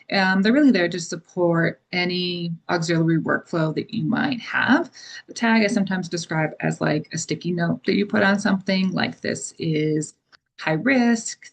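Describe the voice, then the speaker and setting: A woman presenting software in a webinar, explaining features casually with many fillers. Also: fairly low pitch. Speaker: product presenter. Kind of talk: webinar demo and Q&A.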